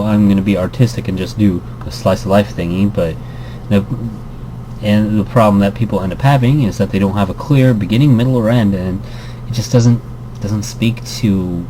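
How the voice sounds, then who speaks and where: This man has a fairly low, dark-toned voice and reads visual novel text aloud as a let's player, mixing in casual commentary, rambling, self-interruptions, and playful asides. Background noise sits behind his voice on a low-quality recording.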